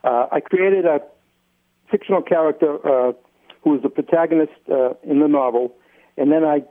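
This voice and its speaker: Male interview guest, New England accent, slightly high voice, halting and deliberate explainer, narrow phone-like radio sound. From Massachusetts, United States.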